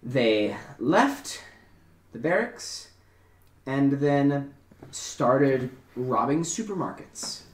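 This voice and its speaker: A man voicing a curt male agent boss, blunt and matter-of-fact as he lays out a job in a tabletop game. His voice sits at a middling pitch. The room around him has a noticeable echo. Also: lively intonation, very slow. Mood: businesslike. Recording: roomy echo.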